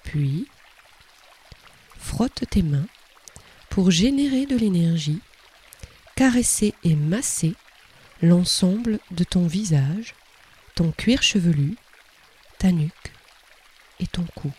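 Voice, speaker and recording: Soft breathy guy doing guided relaxation, kinda high for a man, calm with long pauses. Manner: calm, soothing, unhurried delivery with long pauses. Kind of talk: guided relaxation, scripted narration.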